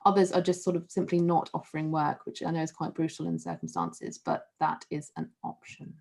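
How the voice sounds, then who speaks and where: A woman on an online panel, explaining employment and tax rules in a clear, measured, professional way. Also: sits low, flat delivery, darkish tone.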